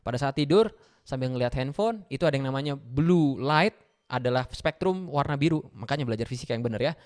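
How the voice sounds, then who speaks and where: A man, giving a lively motivational talk to students, often asking them questions and mixing in English phrases. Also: mid-range voice, quick pace. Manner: animated, mixes English phrases, asks the audience questions. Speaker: guest speaker for school students.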